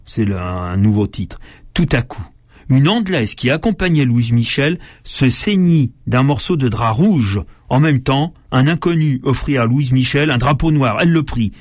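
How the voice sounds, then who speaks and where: A man of ordinary pitch reads passages from an old newspaper and breaks off to explain them. He hesitates a lot, restarting his sentences and filling the gaps. The sound is dry and close, with no room around it. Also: animated, normal speed, no room sound. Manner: hesitant, many fillers and restarts between read passages. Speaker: history commentator reading old newspapers. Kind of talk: reading aloud with spoken commentary.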